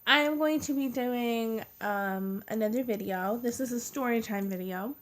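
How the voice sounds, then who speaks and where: A young American woman vlogging a casual personal storytime in a halting, informal way, leaning hard on the openers of her sentences. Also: on the high side. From United States. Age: young adult.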